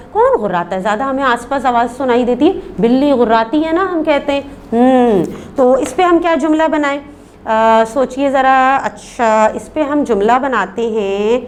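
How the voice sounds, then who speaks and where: A woman's voice: on the high side, a little mellow, a little hiss or hum. A woman teaching a primary class, patient, repeating words for the children and asking questions she answers herself. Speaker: primary school Urdu teacher. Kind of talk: recorded remote lesson.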